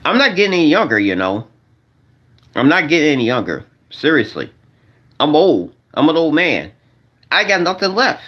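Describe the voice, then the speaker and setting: A man's voice: fairly high pitch, very animated, moderate pace, pauses often, dull audio. Rambling, repetitive man in his forties. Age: 40s. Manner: repetitive, restarts and repeats phrases; slangy, addresses viewers as y'all. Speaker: vlogger. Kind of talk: rambling casual monologue to viewers.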